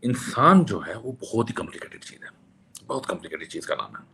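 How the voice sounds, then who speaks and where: A man's voice: on the low side, big pitch swings, fast talker, creaky, sharp tone, slightly rough. A man with a sore throat, arguing a point in a questioning, challenging monologue that keeps returning to the same question. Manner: questioning, challenging, repeats himself. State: hoarse with a sore throat, clearing throat. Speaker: commentator rebutting atheists. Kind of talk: argumentative monologue.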